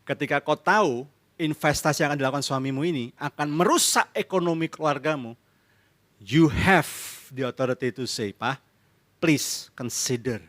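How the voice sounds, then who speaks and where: Male pastor, Indonesian accent, fairly high voice, lively question-and-answer preaching with acted-out domestic exchanges. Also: normal speed. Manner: lively, asks the congregation questions and answers them himself; mixes in English phrases and acts out couples' arguments. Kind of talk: sermon. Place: church service.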